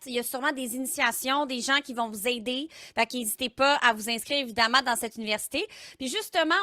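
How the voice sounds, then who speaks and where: A woman's voice: high-pitched, bright, forceful tone, no echo, studio quality. A woman hosts a live stream, upbeat and encouraging. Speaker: host, streamer.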